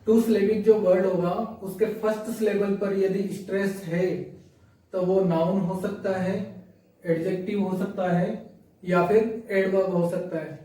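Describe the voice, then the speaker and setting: Male grammar teacher, high monotone voice, mellow tone, recorded far off in a very echoey room. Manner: reads English rules slowly, then explains them in Hindi with question-and-answer prompts. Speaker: English teacher. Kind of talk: grammar lesson explaining examples on screen.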